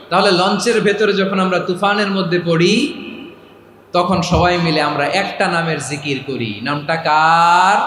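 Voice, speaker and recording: A man with a high voice preaches a sermon to a large gathering, firing questions at the crowd and pressing them to answer aloud. His voice rings through an echoey public-address sound with faint background noise. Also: fairly bright tone. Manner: chants the dhikr in a drawn-out sung voice.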